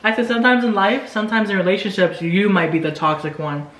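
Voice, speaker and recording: A woman's voice: mid-range voice, animated, fast, a bit bright. A woman in her twenties chatting casually with friends in a playful, teasing way. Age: 20s. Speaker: participant in a group mukbang chat. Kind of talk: casual chat among friends. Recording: roomy echo, faint background noise.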